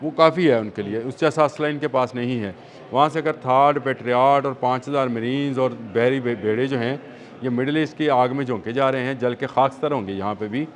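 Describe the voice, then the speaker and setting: A man's voice: medium pitch, a little fast. Emphatic Pakistani-accented man analyzing news. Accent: Pakistani Urdu. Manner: emphatic, repetitive, with hesitant fillers. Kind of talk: studio news discussion.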